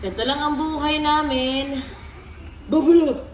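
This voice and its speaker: A woman's voice: high-pitched, big pitch swings, slow, far from the mic, a little hiss or hum. A woman and mother doing sing-song baby talk with her little one, repeating words and laughing often, a bit off-mic in an echoey room. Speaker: mother and vlogger.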